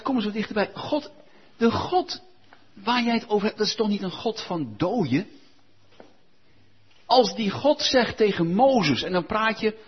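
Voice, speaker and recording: Male preacher, husky and high-pitched, coaxing and conversational delivery, lo-fi sound. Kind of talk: sermon.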